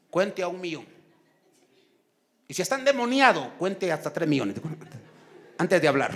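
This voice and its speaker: A middle-aged man with a Guatemalan accent preaching a sermon, lively, acting out shouting people. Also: sits high. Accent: Guatemalan Spanish. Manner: animated preaching, acts out quarrels in shouted voices. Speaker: pastor.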